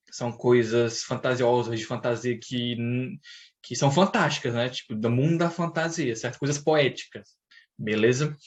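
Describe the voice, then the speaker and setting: A man teacher, casually going over answers in a recorded lesson, full of fillers and constant check-in tag questions. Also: a little high. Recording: dull lo-fi recording.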